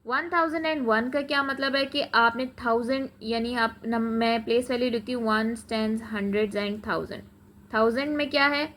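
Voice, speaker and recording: Unhurried and steady, a woman with a fairly high, fairly bright voice and a Pakistani accent explains a math lesson as she writes on a board. She goes over points patiently and repeatedly, using English terms within Urdu-Hindi.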